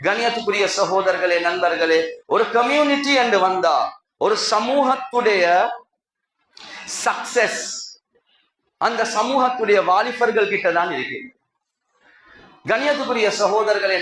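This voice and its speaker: A man's voice: high-pitched, fairly bright tone. A man preaching a live Friday sermon in a mosque with a Sri Lankan Tamil accent, impassioned and rhetorical, calling out to his congregation again and again. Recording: echoey hall with crowd.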